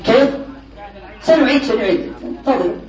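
A man's voice: very high-pitched, expressive, moderate pace. A man teaching a class, repeating terms and quizzing his students with questions. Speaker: teacher of Arabic morphology. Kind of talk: classroom lecture. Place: classroom lesson. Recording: echoey room from far off, class murmur.

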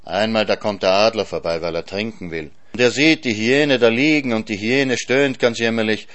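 A man narrating a novel as an audiobook, in a lively storytelling manner. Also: on the low side, normal speed. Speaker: audiobook reader.

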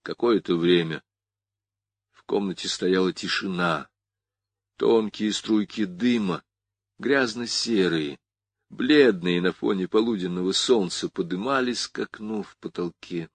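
A man narrating a hardboiled crime novel in the first person, measured and even. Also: low-pitched, no room sound. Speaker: audiobook narrator.

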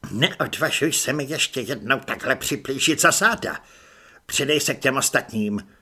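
A bullying army corporal who barks orders and sneers at recruits, voiced loudly by a male audiobook narrator. His voice is loud, sharp and breathy, jumping all over the place. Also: mid-range voice, animated, heavily acted. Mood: barking. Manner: barking, scornful.

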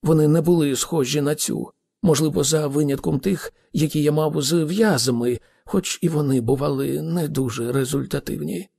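A man's voice: fairly high pitch, moderate pace, creaky, mellow, breathy edge. A man reading an audiobook, voicing a bewildered, earnest man who talks in puzzled, long-winded sentences. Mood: rambling. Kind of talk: audiobook character voice.

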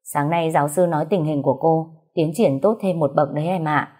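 A woman's voice: low-pitched, brisk, mellow, husky. Cheery caring older sis type, reassuring, woman reading. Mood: cheerful. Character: kind cheerful older-sister nurse type.

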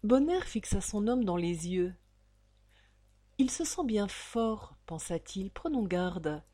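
A woman narrates an old novel aloud, slowly and theatrically. She leans into each dramatic phrase with measured weight. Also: medium pitch. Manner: expressive, theatrical. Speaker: audiobook reader.

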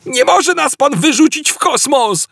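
A man reading an audiobook, voicing a quick-witted alien traveller who pleads and snaps urgently. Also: mid-range voice, animated, slightly rough, no room sound, clean studio sound, voice pushed up. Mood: yelling.

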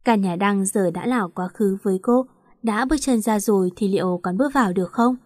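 A woman's voice: mid-range voice, a little fast, a little mellow, dry recording, studio quality. Woman narrating a romance audiobook.

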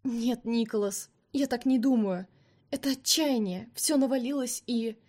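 A woman voicing a hot-tempered young vampire woman in an audiobook, pitched up and emotional. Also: a little slow, a little mellow. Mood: pleading. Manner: raised, emotional pleading.

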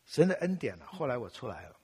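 Husky older man preaching in a hall. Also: medium pitch, fast. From Taiwan. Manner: animated storytelling, self-mocking humor, acts out his own prayers. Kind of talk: sermon with personal testimony.

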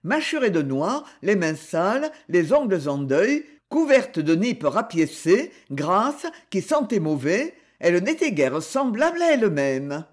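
A woman's voice: fairly low pitch, big pitch swings, measured pace, few pauses. Woman reading a novel aloud. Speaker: audiobook narrator. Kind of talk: audiobook narration.

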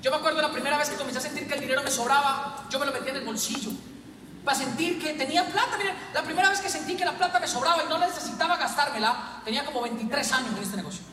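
A man giving an animated motivational seminar talk full of stories and jokes to a live audience. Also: very high voice, rapid-fire. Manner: animated, storytelling, jokes with the crowd. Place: large hall with an audience. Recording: echoey hall, distant mic, crowd and noise.

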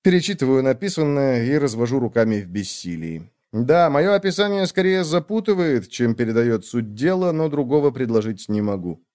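A man reading a first-person audiobook narration in a measured, reflective way. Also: medium pitch, big pitch swings, a little mellow. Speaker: audiobook reader.

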